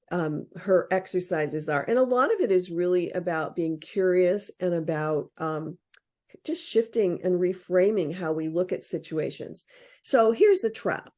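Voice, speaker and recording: As an interview guest talking about relationship books, a woman offers practical, reflective relationship advice in a casual, explanatory way. Her voice is fairly low and a little mellow, and she acts out example phrases.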